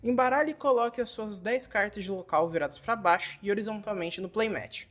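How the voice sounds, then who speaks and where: Speaking fairly quickly at a medium pitch, a woman with a Brazilian Portuguese accent delivers scripted how-to narration. She talks straight to the listener, like in a fan-dubbed tutorial.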